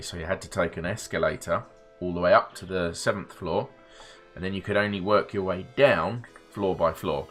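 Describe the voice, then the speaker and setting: A man's voice: deep voice, fairly bright tone. A middle-aged man streaming a game, rambling wryly between asides and swearing casually. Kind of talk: casual gameplay commentary.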